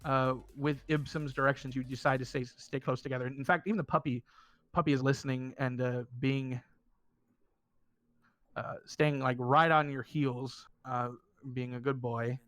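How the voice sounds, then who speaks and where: A man speaking as game master, narrating and giving instructions in a halting, informal way with casual swearing. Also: mid-range voice, fairly even intonation, fairly bright tone, dry recording. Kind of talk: narrating and running a tabletop game. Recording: music behind the voice. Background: music.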